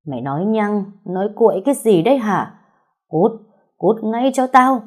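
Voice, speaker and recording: A hoarse old grandmother, as a woman storyteller puts her on, scolding in a worn, husky voice. Her tone is mellow and low, and her pitch climbs sharply as she lashes out. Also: measured pace. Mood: bitter scolding. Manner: scolding and lamenting. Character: elderly grandmother, worn-out, bitter and furious. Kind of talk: audiobook storytelling.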